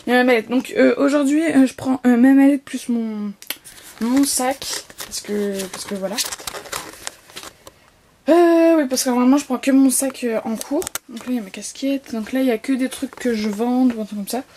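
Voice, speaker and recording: Chatty hoarse teen girl vlogging. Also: high voice, normal speed, dark tone, a little hiss or hum. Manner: rambling, many fillers and restarts. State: slightly hoarse. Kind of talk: casual vlog chat.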